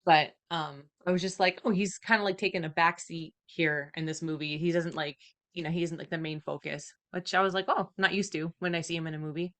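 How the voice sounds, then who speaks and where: A woman's voice: on the low side, fairly even intonation, fairly quick, fairly bright tone. Chatty rambling woman podcast host. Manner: chatty, rambling, filler-heavy. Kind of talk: casual chat.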